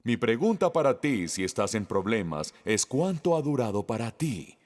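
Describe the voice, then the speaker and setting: A man preaching a sermon, slowly and emphatically, putting questions to the congregation. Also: medium pitch, sing-song, long reverb tail. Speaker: pastor.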